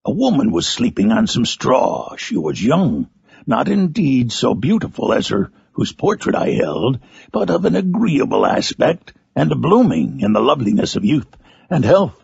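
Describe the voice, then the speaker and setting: A man voicing a vengeful, tormented outcast monster in a dramatic literary monologue, gravelly, husky and theatrical. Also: mid-range voice, wildly swooping pitch, a little mellow, dry recording, exaggerated voice. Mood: brooding. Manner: slow, theatrical, brooding. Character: Frankenstein's monster, vengeful tormented outcast creature, brooding and menacing.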